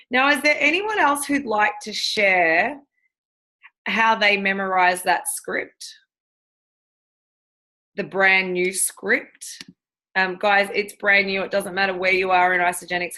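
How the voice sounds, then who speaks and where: A woman's voice: mid-range voice, pushed and bright. A woman leading a team video call, encouraging and cheerleading her team. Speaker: team leader hosting a call.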